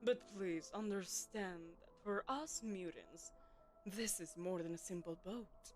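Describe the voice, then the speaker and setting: Soft music plays behind a voice actress whose lowish, natural voice moves at a measured pace. She portrays a commanding, poised queen with telepathic powers who hosts a lavish gala, speaking to the listener in a silken, condescending, persuasive audio roleplay.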